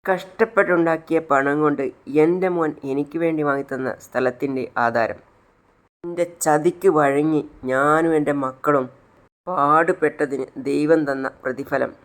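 A man's voice: a little high, moderate pace, fairly bright tone. A man voicing a determined, long-suffering middle-aged mother, speaking earnestly and with emotion. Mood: vowing.

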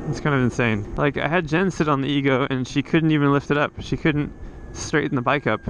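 Speaking briskly at medium pitch, a male motovlogger rambles casually while riding along a coastal road, full of restarts and fillers. His helmet camera gives a muffled recording with slight background noise.

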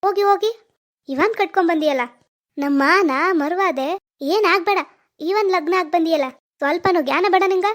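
A woman's voice: very high voice, moderate pace, voice pushed up. A woman voicing an indignant older sister in a cartoon. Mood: furious. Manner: shouting, indignant.

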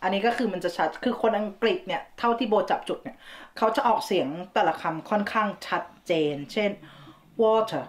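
Quick and barely pausing, a medium-pitched female vlog host from Thailand talks through word meanings in a casual explainer chat. Her chatty style sprinkles in English and giggly side comments.

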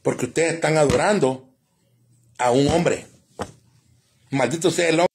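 A man with a strongly husky, somewhat high voice rants live to his viewers. He preaches, insults and prophesies doom. The delivery is heated and sermon-like. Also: measured pace, a little mellow. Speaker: live streamer. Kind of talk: ranting live-stream monologue.

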